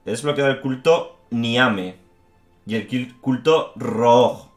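A man's voice: medium pitch, slow pace, echoey room, faint music behind. Swearing Spanish man in game commentary. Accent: Spain Spanish. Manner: frustrated, swears a lot, says "tío". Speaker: gaming YouTuber. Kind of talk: gameplay commentary.

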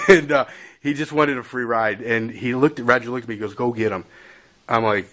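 A man's voice: mid-range voice, fairly quick, a bit bright. A man telling a casual story about his railroad days, rambling and chuckling with conversational asides. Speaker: former railroad crew storyteller. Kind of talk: casual spoken anecdote.

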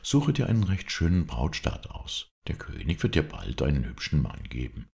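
A man's voice: rumbling low, wildly swooping pitch, moderate pace, gravelly, darkish tone, exaggerated voice. A man reading aloud and voicing a young prince who coaxes his sister along. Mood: coaxing. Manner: coaxing. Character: cheerful young prince, coaxing.

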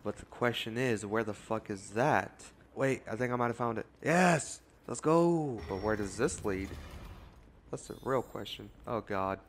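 A young man giving casual gameplay commentary, jumpy and foul-mouthed, yelling and swearing when startled. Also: lowish voice, steady tone, moderate pace, slight background noise. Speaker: gaming YouTuber.

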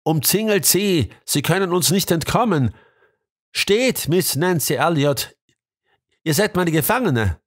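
A man's voice: medium pitch, lively intonation, a little slow, few pauses. A man voicing a proud, commanding police prefect in a storybook reading, barking orders.

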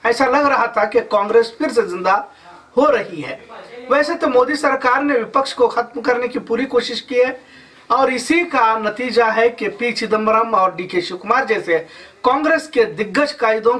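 A man's voice: very high voice, sharp tone, far from the mic. A man in his thirties reading a news report as anchor, with formal Urdu-flavored delivery in a studio.

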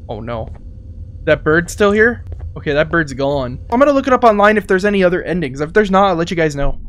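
A man's voice: a little high, very animated, brisk, fairly bright tone. A young man giving casual let's-play commentary, thinking aloud in a jittery, exclamatory way. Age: young adult. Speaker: gaming video host. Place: small indoor gaming setup.

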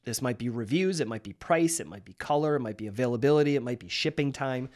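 A man's voice: mid-range voice, quick pace, darkish tone. A man in his thirties, a marketing host, explaining in a casual, conversational way with restarts and rhetorical questions. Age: 30s.

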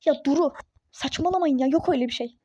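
A woman's voice: sits high, fast talker, darkish tone, close to an everyday voice. Woman voicing a fed-up young mother. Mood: exasperated. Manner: exasperated, snappish, sarcastic. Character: irritable young pregnant mother, fed up, skeptical. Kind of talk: phone-game role-play story.

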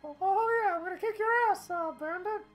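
A woman's voice: very high-pitched, fairly quick, over music, pitched above the performer's own voice. A woman voicing a brash, flirty female game companion in a squealing, boastful way.

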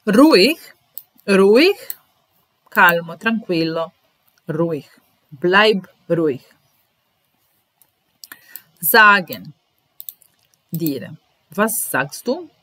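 In a dry recording, a woman with a lowish, slightly bright voice teaches German words to an Italian-speaking audience. She goes slowly, repeating each term and pairing it with a translation and example sentences.

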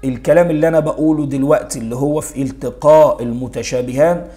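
A man's voice: mid-range voice, fairly even intonation, quick pace, mellow. A man with an Egyptian Arabic accent teaching a primary school grammar lesson. He asks rhetorical questions and answers them himself, and he repeats key words for emphasis.

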